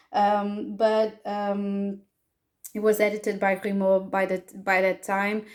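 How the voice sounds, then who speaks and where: A woman from Portugal, a tarot reader and astrologer, hosts a casual pick-a-card tarot reading in English, her second language, with a Portuguese accent. Her mid-range voice is a little mellow, and she speaks hesitantly, with many fillers and restarts.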